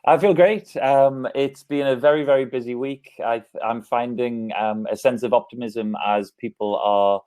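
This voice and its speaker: An Englishman in his thirties gives an upbeat online conference keynote from his office, speaking through an earphone mic on a video call. His medium-pitched, slightly mellow voice stays steady at a normal speed with few pauses, and he gestures with his hands as he talks.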